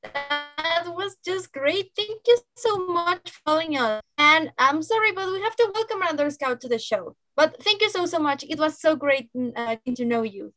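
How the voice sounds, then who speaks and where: A woman's voice: sits high, animated, moderate pace, few pauses, sharp tone, dry recording, soft background music. A young woman hosting an online youth show over a video call, upbeat and encouraging as she welcomes guests. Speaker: show host.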